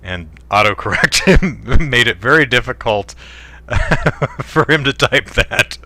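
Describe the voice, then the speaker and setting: A man's voice: mid-range voice, animated, takes it slowly, pushed and bright, no room sound. A man casually commenting on a game he is playing, joking wryly and reading viewer comments aloud. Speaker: let's play host.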